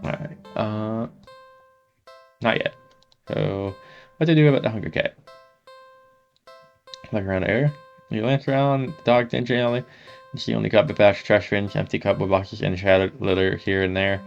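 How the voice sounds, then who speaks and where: A man with a lowish, gravelly voice reads a horror text game aloud, voicing the sound effects himself as he goes. The recording is a little muffled, with faint music playing behind him. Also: steady tone, moderate pace. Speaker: gaming YouTuber.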